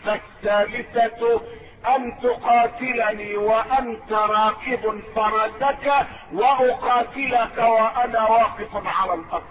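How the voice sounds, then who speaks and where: A man delivering an impassioned sermon, building to shouted, tearful peaks and stretching out key words. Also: extremely high pitch, fairly even intonation, measured pace. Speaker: preacher. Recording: dull lo-fi recording with clear noise.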